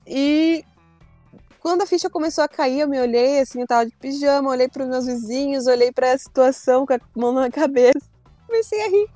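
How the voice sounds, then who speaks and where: A young woman recounts a story in casual chat, high-pitched and animated. She acts out her own shouts and quotes. The sound is close and dry, with faint music under it. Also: brisk, no room sound. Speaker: storyteller guest.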